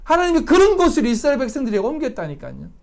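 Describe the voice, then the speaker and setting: Lively-pitched pastor preaching emphatically. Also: male voice, rapid-fire, gravelly. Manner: emphatic, asks the congregation rhetorical questions. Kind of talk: Sunday sermon. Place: church service.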